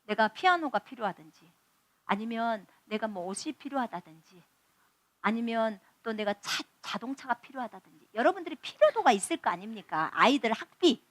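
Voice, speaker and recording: A woman missionary giving a testimony sermon, her high voice leaping up and down as she tells her stories. She acts out each conversation with animation, close to the mic in a dry, dead room. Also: normal speed, no echo. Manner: animated storytelling, acting out dialogue. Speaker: missionary preacher.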